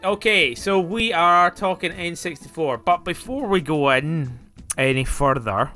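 A man's voice: a little high, expressive, unhurried, bright, forceful tone, soft background music. A man with a Glasgow Scottish accent hosting a casual podcast, joking, swearing and stumbling over his own intro. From Scotland. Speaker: podcast host. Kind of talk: casual chat.

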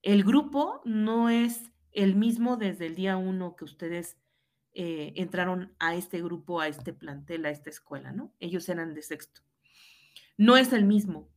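A woman's voice: on the low side, measured pace. Mexican woman, teacher, reflective storyteller, earnest, keeps checking in with tag questions, acts out what people said. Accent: Mexican Spanish. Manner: earnest, frequent tag questions, reenacts dialogue. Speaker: high school teacher. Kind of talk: reflective personal storytelling in conversation.

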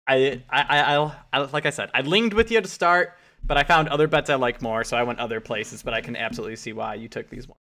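A man with a bright, forceful voice talks through football picks in a relaxed podcast chat. He gets animated as he acts out quotes, his voice jumping up when he plays other people. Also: mid-range voice, quick pace. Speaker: podcast co-host. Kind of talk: casual sports betting chat.

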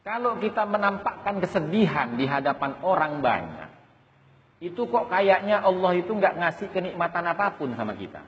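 A man's voice: high voice, big pitch swings, normal speed. A man giving a conversational sermon as an Islamic preacher, often addressing listeners as Pak. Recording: dull audio with long hall reverb.

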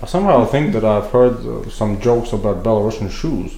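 A man's voice: lowish voice, fairly quick, mellow, slight background noise. A man from Latvia leading a casual conversation in English. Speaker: conversation leader. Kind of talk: casual chat. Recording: echoey room.

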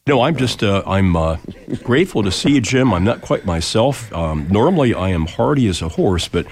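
Deep, nasal American man hosting radio. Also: expressive, normal speed, darkish tone, a little hiss or hum. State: recovering from lost voice. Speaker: radio show host. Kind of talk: casual live radio talk.

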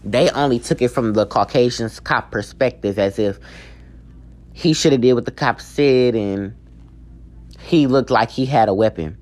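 A man at a middle pitch talks through a book in a loose, informal way. He rambles and often stops to correct himself. He sounds like a student giving a relaxed spoken review. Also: a little slow.

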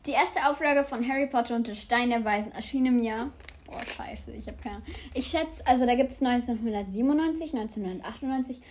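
A young woman chatting casually and excitably during a quiz challenge video, prone to giggling. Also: fairly high pitch, fairly quick, a little hiss or hum.

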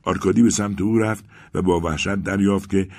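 A man narrating a literary story in a measured, grave, dramatic reading style. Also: deep voice, fairly even intonation, darkish tone. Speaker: audiobook narrator.

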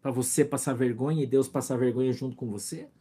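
A man's voice: medium pitch, steady tone, fast, warm tone, slightly rough. A male pastor preaching a sermon, acting out little scenes, asking rhetorical questions and greeting members of the congregation by name. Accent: Brazilian Portuguese.

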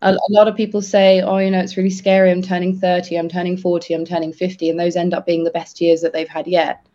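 A man co-hosting a podcast, talking earnestly and haltingly with many restarts. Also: high voice, monotone, dark tone. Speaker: podcast co-host. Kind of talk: casual podcast chat. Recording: dull lo-fi sound.

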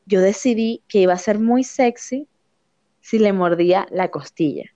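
A woman's voice: mid-range voice, normal speed, no room sound, dull audio. A young woman with a Venezuelan accent, telling a story in casual chat with lots of slang and laughter. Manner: animated, laughing often, slangy.

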